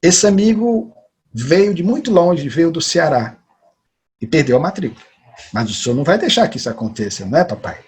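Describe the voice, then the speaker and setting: A man with a Brazilian accent voicing a sweet, insistent little girl of about ten, raising his pitch and coaxing. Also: expressive, fairly quick, darkish tone, slightly rough. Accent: Brazilian Portuguese. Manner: pleading, coaxing, raised pitch.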